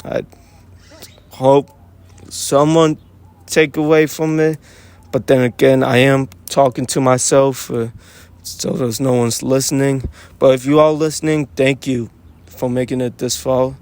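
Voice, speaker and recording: Slow, rambling man musing to himself. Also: mid-range voice, flat delivery, a little mellow, clear, resonant tone. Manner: rambling and musing, with frequent swearing and restarts. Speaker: vlogger talking to himself. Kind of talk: casual unscripted monologue.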